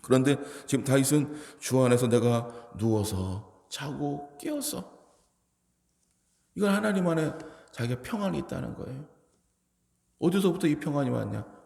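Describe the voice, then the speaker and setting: A male pastor preaching in a church sanctuary, his gravelly voice rising into emphatic appeals. The sound rings with long reverb through a roomy hall. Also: fairly high pitch, warm tone. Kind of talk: sermon.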